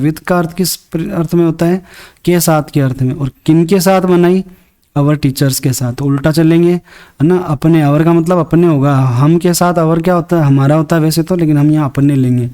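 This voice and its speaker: Male tutor, fairly high but mellow voice, patient step-by-step worksheet lesson, slow careful reading of English lines. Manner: reads English sentences slowly, then translates. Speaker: English teacher. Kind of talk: worksheet lesson explained in Hindi.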